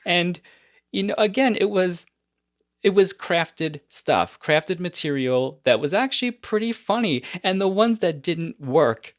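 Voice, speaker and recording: A man hosting a podcast who tells stories in an animated, casual way and often laughs between his points. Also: high voice, a little slow, no echo, studio quality. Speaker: podcast host. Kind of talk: casual conversation.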